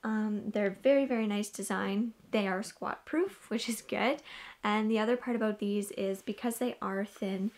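A woman's voice: medium pitch, steady tone, normal speed. A woman in her twenties chatting casually through a gym clothing review, often repeating "really, really" and "like", recorded in a small wood-panelled bedroom on a camera across the room.

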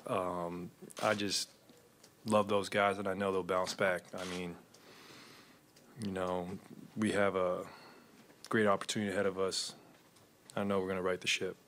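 Speaking into a desk mic at a postgame press conference in the arena press room, a basketball player in his thirties answers in a level, slightly bright voice. He is low-key and measured with lots of fillers, and there is a little hiss or hum.

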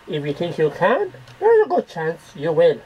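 A man plays an earnest, theatrical poetry reciter in an amateur home recording from a small, cluttered bedroom. His voice is a little high, with wildly swooping pitch at a normal speed. The webcam audio is dull and noisy.

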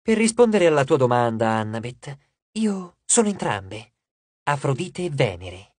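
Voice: medium pitch, sing-song, a little slow, breathy edge, dry recording. An audiobook narrator voicing a vain, glamorous goddess of love who talks in a gushing, condescending and theatrical way. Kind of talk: audiobook character voice.

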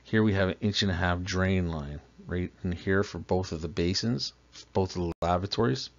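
The narrator is a plumbing instructor, a man with a low voice talking at normal speed over a slideshow lesson. Patient and step-by-step, he quizzes the listener along the way; the recording is a dull, lo-fi voice-over.

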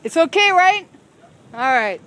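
A woman's voice: extremely high pitch, big pitch swings, measured pace, fairly bright tone, rough recording. A woman giving wry, questioning running commentary while she films a walk through a seaside park. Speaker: vlogger filming a walk. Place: outdoors in a seaside park by a road. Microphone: handheld phone camera. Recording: outdoor phone audio with wind and traffic noise.

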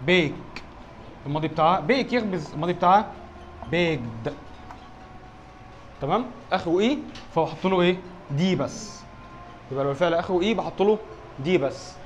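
A man's voice: high voice, slight background noise. A man with an Egyptian Arabic accent teaching an exam review lesson, asking questions and answering them himself and often checking that his students follow. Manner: quizzes himself aloud, keeps checking with "alright?". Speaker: English teacher.

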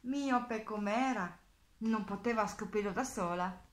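A woman reading a children's picture book aloud, expressive and playful, with spoken sound effects. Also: mid-range voice, measured pace. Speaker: children's storyteller. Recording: echoey room.

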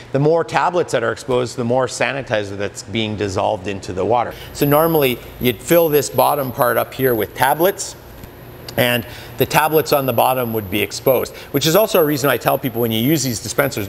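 Gravelly man explaining spa care. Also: mid-range voice, big-room sound, a little hiss or hum. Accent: Canadian. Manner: earnest, many fillers and restarts, demonstrates products while talking. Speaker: hot tub retailer explaining spa care. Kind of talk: casual explainer to camera. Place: indoor spa supply store. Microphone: lapel mic.

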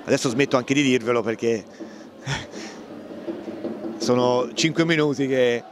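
A man's voice: medium pitch, unhurried. An Italian man giving live play-by-play commentary on a football match. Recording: faint stadium crowd and outdoor noise. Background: football crowd and outdoor ambience.

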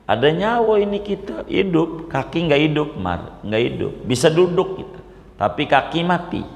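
A man voicing a calm, revered older male teacher who explains things gently. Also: on the high side, moderate pace, gravelly, roomy sound, in a large hall, voice pushed up. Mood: explaining.

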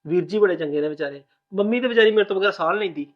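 A man plays a young husband soothing his new bride, talking very fast in a fairly high voice. The recording is dull and lo-fi, like a low-budget village drama. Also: close to an everyday voice. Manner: rapid, reassuring, soothing. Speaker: groom. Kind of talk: village family drama acting.

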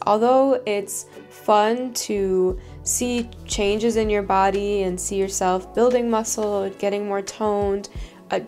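A young woman chats earnestly about her gym routine in a relaxed, conversational vlog voice. Her pitch sits mid-range for a woman, with soft music under her talk. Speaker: fitness vlogger. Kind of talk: casual advice vlog. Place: bedroom, home studio and parked car.

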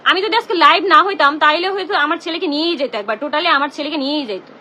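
Very high, fast, tense young woman. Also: animated, sharp tone. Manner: indignant, confrontational, repeats herself. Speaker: live-streamer. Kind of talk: emotional live-stream rant. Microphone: phone.

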